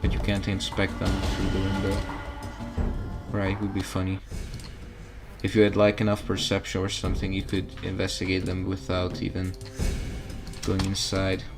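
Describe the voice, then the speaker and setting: A man's voice: low voice, monotone, moderate pace, long pauses, music in the background. A man giving casual gaming commentary as a streamer, talking to viewers while he plays. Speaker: game streamer.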